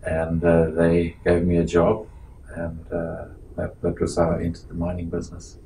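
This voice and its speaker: An older man from Zimbabwe, sitting in an office for an oral history interview, speaking in a measured, halting way with many pauses and restarts. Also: low-pitched, creaky, warm tone, a little hiss or hum, poor audio. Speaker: interviewee, metallurgist. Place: small office meeting room indoors.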